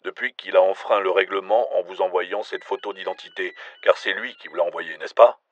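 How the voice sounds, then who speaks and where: A low-voiced man plays a gruff American special agent on the line, cold and threatening. The husky voice leans hard on each word and gives no ground. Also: fairly even intonation, fairly quick, muffled recording. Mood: cold, menacing.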